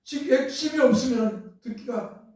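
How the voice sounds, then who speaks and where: A very high, mellow male voice preaches at normal speed in an animated way. As pastor, he asks rhetorical questions and builds toward emphatic outbursts. The setting is a church sanctuary, recorded from a distance in a very echoey hall.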